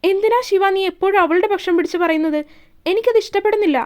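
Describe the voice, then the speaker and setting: A woman's voice: very high voice, fast. A woman voicing a jealous, demanding young woman. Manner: sharp, resentful.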